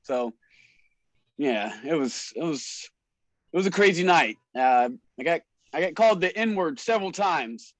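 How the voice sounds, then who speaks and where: A man's voice: fairly high pitch, lively intonation, a little slow, dry recording, low-quality recording. A man, a wrestler and show promoter, telling stories in a casual, slangy way and laughing often. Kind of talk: casual storytelling in a podcast interview.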